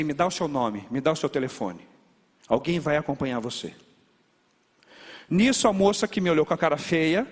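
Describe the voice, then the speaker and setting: A man preaching a sermon as a pastor, telling stories in a lively way with sound words. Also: on the high side. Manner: animated storytelling with sound words. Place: large church. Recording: long reverb of a church hall. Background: hall reverb.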